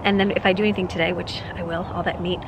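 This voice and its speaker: Racing along in a flat, fairly low-pitched delivery, this woman in her forties is a family vlogger rambling and laughing her way through a grocery haul filmed on a handheld camera. The clip moves from a kitchen counter indoors to a porch outside, and there's background noise.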